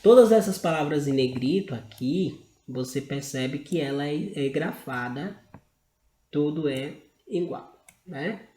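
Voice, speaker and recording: Brazilian male teacher, unhurried and explanatory, roomy echoey recording. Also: on the high side, lively intonation, mellow, slight background noise. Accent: Brazilian Portuguese. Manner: slow, explanatory, frequent "né?" tag questions. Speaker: Portuguese grammar teacher. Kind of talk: slide-based grammar lesson.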